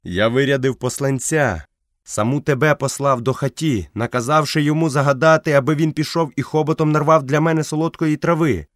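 A man's voice: fairly high pitch, a little fast, no echo, clean studio sound, voice pushed up, natural voice. A man voicing a moody, proud young jungle boy in an audiobook, speaking in a petulant, insistent way. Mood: sulky. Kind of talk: audiobook character voice.

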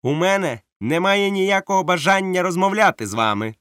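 A man's voice: sits high, lively intonation, brisk, fairly bright tone, clean tone, dry recording, clean studio sound, voice pushed up. A man voicing a stern, commanding male ship captain who speaks in curt, barked orders, read as an audiobook. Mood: cold.

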